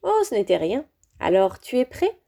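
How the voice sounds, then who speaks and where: A woman voicing a motherly middle-aged woman who gently scolds and fusses in a storybook reading. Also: medium pitch, wildly swooping pitch, normal speed, vocal fry, heavily acted.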